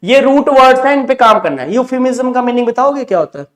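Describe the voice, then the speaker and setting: A male English teacher with an Indian accent, explaining grammar in a mixed Hindi-English online class. He keeps checking that students understand, and he slows down sharply when he reads out example sentences in English. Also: extremely high pitch, animated, a bit bright. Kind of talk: online exam-prep class.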